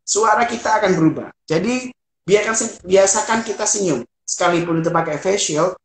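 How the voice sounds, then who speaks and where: Trainer coaching MCs in an echoey room. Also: medium pitch. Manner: demonstrates lines in a performed announcer voice. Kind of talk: practical workshop lesson. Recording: roomy echo.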